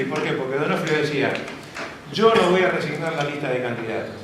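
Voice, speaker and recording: Speaking in Argentine Spanish, this guest lecturer's voice sits fairly high with a fairly bright tone. During his open class he shares anecdotes and asks the audience if they're keeping up, all recorded in a very echoey classroom with faint background noise.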